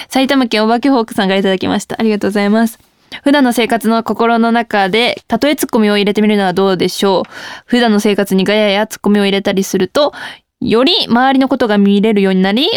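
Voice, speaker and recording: A woman's voice: medium pitch, clean tone, no room sound, studio quality. A young woman hosting a casual radio talk show, reading listener mail and joking about herself with frequent laughs. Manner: playful, self-mocking, laughs often.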